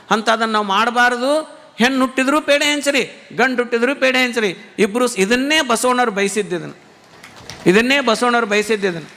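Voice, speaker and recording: A man's voice: extremely high pitch, pushed and bright. A man with a North Karnataka Kannada accent preaching a sermon, repeating rhetorical questions to drive his point home. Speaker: religious teacher giving a discourse. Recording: long hall reverb.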